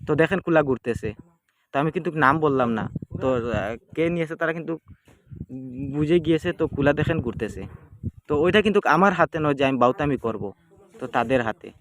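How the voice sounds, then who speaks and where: A man, calmly explaining a folk ritual to his viewers in plain, repetitive casual speech. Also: a little high, fast, long pauses. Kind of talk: casual spoken demonstration. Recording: clearly noisy home video.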